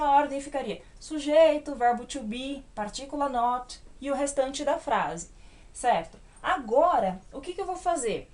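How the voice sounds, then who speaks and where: A woman with a Brazilian Portuguese accent teaching English grammar at a whiteboard, patiently checking in with her students and slowing down to spell out the English examples. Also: high-pitched, a little mellow. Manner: patient, checks in often with tag questions.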